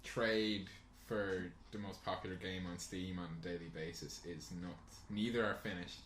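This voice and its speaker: A man's voice: low-pitched, steady tone, moderate pace, fairly bright tone. A man co-hosting a casual gaming podcast, making dry, matter-of-fact remarks. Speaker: podcast co-host. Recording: roomy with faint hiss.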